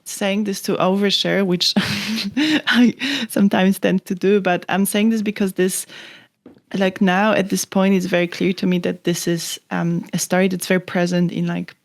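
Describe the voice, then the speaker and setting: A woman's voice: mid-range voice, flat delivery, normal speed, dry recording. Young Polish-born woman, chatty and reflective. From Poland. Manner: thoughtful, rambling, many "like" fillers. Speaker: photographer guest. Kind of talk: casual interview chat.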